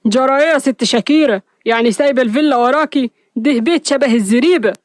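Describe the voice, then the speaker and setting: A woman's voice: high voice, rapid-fire, dry recording, clean studio sound, close to an everyday voice. A woman voicing a grumpy middle-aged uncle who grumbles curses and scolds his niece. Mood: exasperated.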